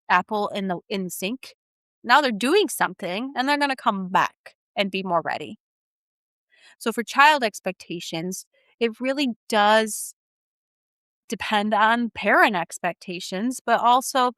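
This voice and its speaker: A woman's voice: medium pitch, clear, resonant tone, no room sound. A woman feeding therapist giving encouraging, practical advice to parents in a solo talk. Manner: warm, encouraging, animated teaching.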